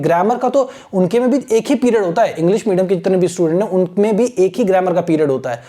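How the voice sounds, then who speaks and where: A man gives a patient classroom lesson, reading English passages slowly and word by word. His voice is soft and mellow, never sharp. He keeps checking that his students are following. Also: sits high. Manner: patient, repeats a checking tag after nearly every sentence. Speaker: teacher.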